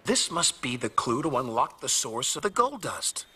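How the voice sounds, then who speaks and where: An actor playing an eccentric, dreamy magical train conductor who muses aloud to himself, from a film. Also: male voice, mid-range voice, big pitch swings, normal speed, pushed and bright, slight background noise. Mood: musing. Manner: musing, talks to himself. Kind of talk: film dialogue.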